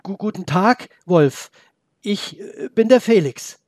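A man voicing an eager young boy in a storybook, pitched high and speaking excitedly. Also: normal speed, no room sound, studio quality. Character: young boy, eager and brave though timid.

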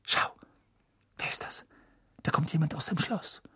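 A man voicing a clever, anxious teenage girl witch in a hushed, urgent way. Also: fairly high pitch, fairly quick, creaky, slightly rough, pitched above the performer's own voice, full character voice.

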